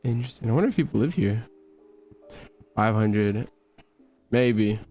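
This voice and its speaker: A man's voice: lowish voice, lively intonation, a little slow, dark tone, soft background music. A man streaming a story game, chatting casually, reading the dialogue aloud, swearing offhandedly, and bantering with his chat. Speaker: gaming streamer.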